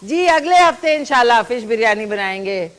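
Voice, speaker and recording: A woman with a rather high, animated voice runs a live morning show, joking with callers as she cooks. The live TV chat and cooking demonstration take place in a studio kitchen, picked up by her lapel mic.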